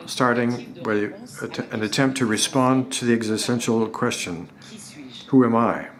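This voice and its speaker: A man with a mid-range voice interprets a lecture live. His delivery is halting, and he frequently restarts and repeats words as he goes.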